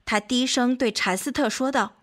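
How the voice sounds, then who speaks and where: A woman reading a children's storybook aloud as the host of a children's program, gentle and measured. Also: a little high. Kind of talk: scripted storybook narration. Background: faint music.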